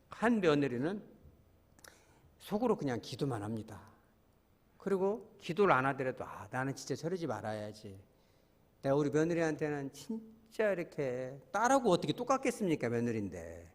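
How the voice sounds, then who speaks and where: A man's voice: on the high side, in a large hall. A man preaching a midweek sermon as a pastor, asking the congregation questions and acting out voices he quotes. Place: church.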